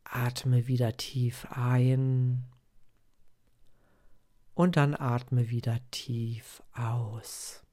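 Slow-paced man guiding a meditation. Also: mid-range voice. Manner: calm, instructive, addressing one listener informally. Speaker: podcast host guiding meditation. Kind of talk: slow guided-meditation narration, like a sleep story.

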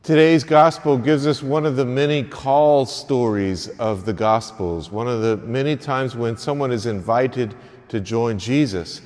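A priest at a church Mass, speaking at a middle, ordinary pitch. His earnest, plain preaching carries a long cathedral echo that rings around the church after each phrase. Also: a little slow, darkish tone. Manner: earnest, plain-spoken preaching with easy repeats. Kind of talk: gospel reading and homily at Mass. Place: church during an early morning Mass. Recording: long echoing church reverb.

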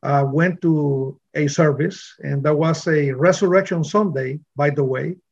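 A middle-aged man from Honduras, a pastor telling his testimony in an interview, earnest and full of pauses and restarts. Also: on the high side, vocal fry, a little mellow, lo-fi sound. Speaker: pastor, guest.

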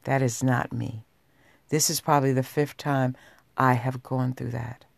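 A woman hosting a personal podcast, talking straight to listeners in an unhurried, sultry, intimate low voice. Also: fairly even intonation, gravelly, no room sound. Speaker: podcast host. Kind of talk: personal talk podcast monologue.

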